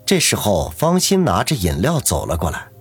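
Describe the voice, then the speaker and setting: A man narrating an audiobook novel in a steady storytelling manner. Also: on the low side, moderate pace, husky, soft background music. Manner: steady storytelling, doing every character.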